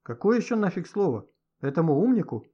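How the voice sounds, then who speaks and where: Guy doing a cocky bossy teen kid, husky, bouncy pitch, dull sound. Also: big pitch swings, fairly quick, dark tone, heavily acted. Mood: cocky, brash. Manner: cocky, blunt, slangy. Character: brash bossy teenage boy ringleader. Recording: dull lo-fi audio.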